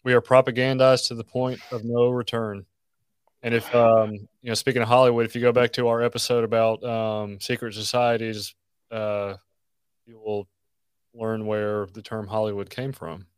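Smooth-voiced man hosting a podcast. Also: medium pitch, flat delivery, moderate pace, no echo. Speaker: podcast host. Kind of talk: casual chat.

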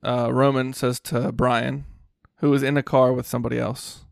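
A man co-hosts a podcast in relaxed, jokey banter. His voice has a gravelly edge, and the recording is dry with no room sound. He speaks at a middle pitch. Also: normal speed, no room sound. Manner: laid-back, jokey banter. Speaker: podcast co-host. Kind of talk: casual movie-commentary chat.

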